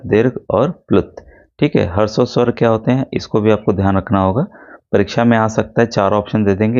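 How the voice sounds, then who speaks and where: A man with a low, gravelly voice teaches a grammar lesson. He speaks patiently and sounds out each letter in turn. The tone is dark and mellow, on a slightly dull, lo-fi recording. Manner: explains patiently, sounds out letters, repeats "ठीक है". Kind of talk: Hindi grammar lesson for exam prep.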